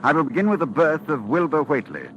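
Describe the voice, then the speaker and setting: An actor playing an anxious, solemn scholar who narrates a horror tale in formal, dramatic 1940s radio style. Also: male voice, a little high, lively intonation, quick pace, lo-fi sound, very noisy, lightly acted. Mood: ominous narration. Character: grave, anxious male scholar warning of cosmic horror.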